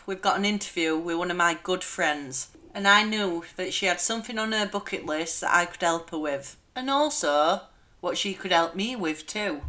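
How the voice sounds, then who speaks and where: Excitable Yorkshire woman podcast host. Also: mid-range voice. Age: 30s. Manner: excitable, chatty, swearing. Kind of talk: casual chat.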